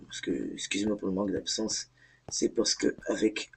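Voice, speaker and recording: A man's voice: fairly low pitch, moderate pace, gravelly, breathy edge. A young man giving casual, hesitant, rambling commentary as he hosts a gaming video. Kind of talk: casual unscripted let's play commentary. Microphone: gaming headset. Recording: noisy mic, audible keyboard clicking. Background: keyboard typing noise and clicks.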